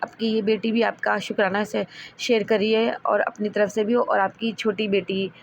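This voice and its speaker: A woman's voice: medium pitch, level tone, normal speed, gravelly. A woman sharing devotional experiences in a rambling way, with many restarts and fillers. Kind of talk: devotional testimony talk.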